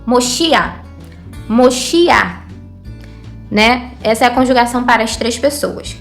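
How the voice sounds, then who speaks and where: A woman with a Brazilian Portuguese accent and a slightly high voice teaches a recorded lesson. She checks in with listeners and repeats words slowly and clearly, with faint music under her voice. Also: steady tone. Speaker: Hebrew teacher. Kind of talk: online language lesson.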